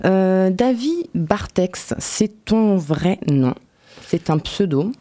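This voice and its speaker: A woman hosting a radio interview, asking questions in a relaxed way and often adding short replies. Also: medium pitch, slow pace. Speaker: radio host. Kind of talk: casual interview.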